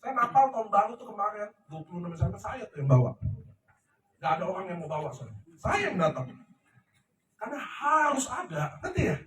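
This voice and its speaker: Middle-aged man, emphatic motivational speaker, high and animated, recorded far off in an echoey room. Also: brisk. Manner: emphatic, preachy, asks the crowd "ngerti ya?". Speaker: company leader speaking to his team. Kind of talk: motivational talk to a live audience. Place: large room before a seated audience.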